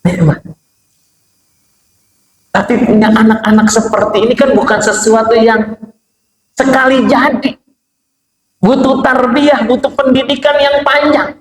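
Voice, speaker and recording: A man's voice: very high voice, measured pace, long pauses. Middle-aged male preacher, echoey prayer room. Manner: relaxed colloquial asides mixed with chanted Arabic verses. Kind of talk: casual conversational sermon. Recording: echoey prayer room with faint ambient noise.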